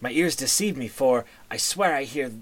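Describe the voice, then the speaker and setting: A man's voice: medium pitch, animated, moderate pace, natural voice. A man voicing a shady, snide fish-faced potion seller in a tabletop game, with flowery, obsequious sales talk. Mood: mock offended. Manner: sly, obsequious salesman with flowery, formal phrasing. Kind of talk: tabletop role-play.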